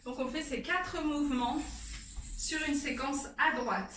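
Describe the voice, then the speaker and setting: A high, bright female voice leads a dance class, counting beats and naming each move with unhurried care. She sounds a little distant from the mic, in a room with noticeable echo and a faint hum of ambience. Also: soft background music. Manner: calls out counts and moves rhythmically. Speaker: dance teacher. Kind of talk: dance lesson with counting and cues.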